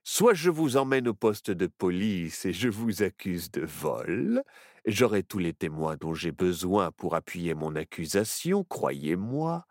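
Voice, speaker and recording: A man reading as a gloating storybook ringmaster who threatens children in a slow, taunting drawl. His pitch swoops widely, and the dry, close recording keeps every sneer near. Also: sing-song, a little mellow, dry recording, heavily acted. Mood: threatening. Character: menacing adult male circus ringmaster, scheming.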